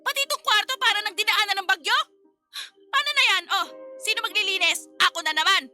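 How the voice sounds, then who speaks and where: A woman's voice: very high-pitched, a little fast, sharp tone, faint music behind, full character voice. A woman playing a tired working wife in a radio drama, scolding in a stream of exasperated complaints. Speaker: lead character in a radio drama.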